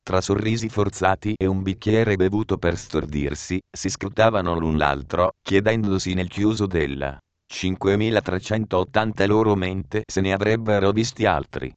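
A man reading a novel aloud in a steady, measured way, lightly voicing the characters. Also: sits low, smooth, dry recording. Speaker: narrator.

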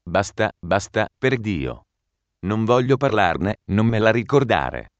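A man's voice: lowish voice, very animated, slow pace, dry recording. A man reading a tormented lovesick young man. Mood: anguished. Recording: dry, muffled recording.

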